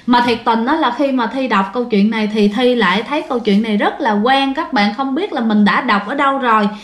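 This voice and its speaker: A woman's voice: fairly high pitch, fairly quick. A woman with a Southern Vietnamese accent hosting a ghost story show, telling the tale in a chatty way and speaking straight to her listeners. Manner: chatty, addresses listeners directly. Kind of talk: casual spoken storytelling. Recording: roomy echo.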